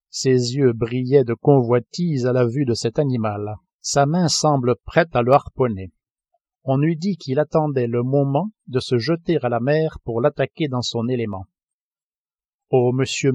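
Steady man reading a novel aloud. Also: mid-range voice, no room sound. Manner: steady, even literary reading. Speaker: audiobook reader. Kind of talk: scripted narration.

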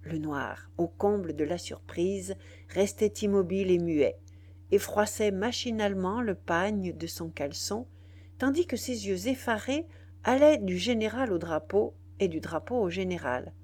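Woman reading an old novel out loud, audiobook style, expressive, middle pitch voice. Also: unhurried. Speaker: audiobook narrator. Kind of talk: audiobook narration of a classic novel.

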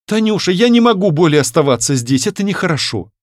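A man's voice: sits high, lively intonation, moderate pace, no echo, clean studio sound, voice pushed up. A man reading a storybook voicing a distressed young woman who pleads and protests in a raised, tearful voice. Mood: upset, defiant.

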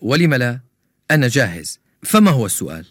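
A calm, knowledgeable science buff from a children's radio drama. He explains things steadily in a mid-range voice, recorded close and dry. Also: mid-range voice, quick pace, no echo. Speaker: science expert character in a radio show.

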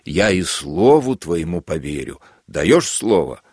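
A cruel army lieutenant who purrs false mercy with a sanctimonious, syrupy tone, put on by a male reader. His low voice leaps up and down in lively swings. The sound is close and dry. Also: slow pace, slightly rough, no room sound, exaggerated voice. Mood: mock-gentle. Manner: sanctimonious, syrupy, then gleeful shouting. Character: sadistic mock-kindly male army lieutenant.

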